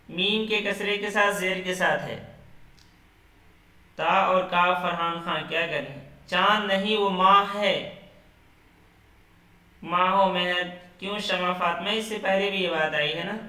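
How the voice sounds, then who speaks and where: A man with a high, bright voice teaches an online literature class. He explains slowly, repeats each term and quizzes his students by name. He sits back from the mic in an echoey room. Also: recorded from a distance.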